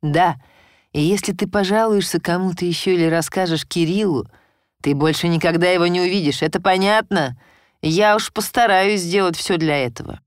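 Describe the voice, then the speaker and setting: A woman's voice: lowish voice, normal speed, smooth, no echo, studio quality, close to an everyday voice. A woman voicing a cruel, mocking abusive husband who barks his threats. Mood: menacing, sneering. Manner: barking, menacing, mocking.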